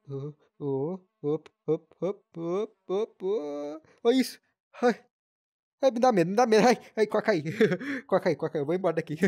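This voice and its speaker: A man with a Brazilian accent doing playful, excitable let's play commentary and often acting scared. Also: sits high. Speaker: gaming youtuber.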